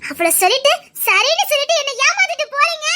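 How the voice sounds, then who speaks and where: A hurt, stubborn young pregnant wife, acted by a woman in an audio drama. Her voice is extremely high and shrill. She accuses her husband tearfully and will not give in. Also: very animated, fast, pushed and bright, full character voice.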